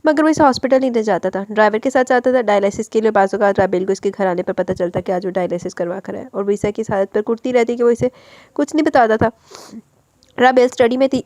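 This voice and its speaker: Fast-reading woman narrating a novel. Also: medium pitch, dark tone, no room sound. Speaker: audiobook narrator.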